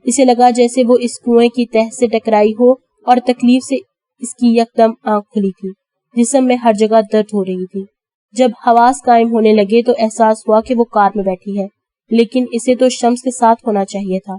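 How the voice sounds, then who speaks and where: A woman narrating an Urdu audio novel dramatically, voicing characters' cries and shouts. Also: a little high, steady tone, no room sound.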